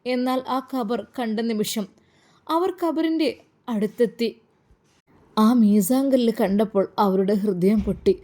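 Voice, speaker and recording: A woman's voice: fairly high pitch, unhurried, long pauses, mellow. A woman with a Malappuram Malayalam accent narrating a religious story in a dramatic, mournful way. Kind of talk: scripted emotional narration.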